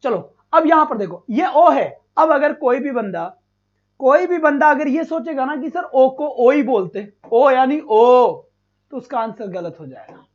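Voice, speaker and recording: A male teacher leads a live online exam-prep class with a strikingly high voice. He talks with relentless energy, showering students with loud praise. The stream audio is dull and lo-fi. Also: sing-song, normal speed.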